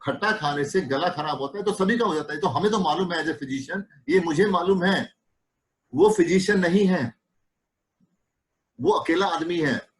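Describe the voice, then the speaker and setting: Male homeopathy lecturer, fairly high voice, chatty, quizzes his class with rhetorical questions. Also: rough recording. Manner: conversational, fires rhetorical questions, acts out dialogues. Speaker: homeopathy teacher. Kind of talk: webinar lecture to students.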